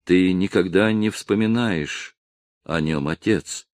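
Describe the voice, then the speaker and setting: A tender young woman in a storybook, speaking softly and gently in a subdued, sighing voice, as a male narrator voices her. The recording is close and dry. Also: fairly low pitch, moderate pace, gravelly, no echo. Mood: wistful, gentle.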